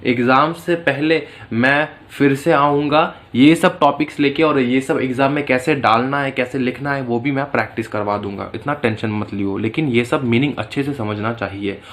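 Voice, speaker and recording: A man gives an informal exam-prep lesson, mixing stories into his explanations. He talks in a relaxed, chatty way that sounds close to his students. His voice sits at an average height. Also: mid-range voice, normal speed, hardly any pauses. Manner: chatty, storytelling, calls students "beta". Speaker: teacher. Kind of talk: casual Hindi-English exam lecture.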